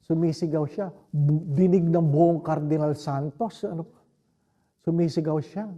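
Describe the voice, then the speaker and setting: A man with a Filipino accent, a priest giving a homily, telling a story slowly and reflectively and often turning to the listeners with rhetorical questions. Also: fairly high pitch, fairly even intonation, mellow, lo-fi sound. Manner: slow, reflective storytelling with frequent rhetorical asides.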